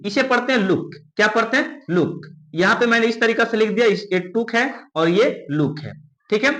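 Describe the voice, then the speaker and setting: A male teacher with a high, bright, sharp voice. He explains sounds at the board, asking a question and answering it himself as he repeats each word slowly. The sound rings in a roomy, echoey space. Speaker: English teacher. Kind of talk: classroom lesson at a board.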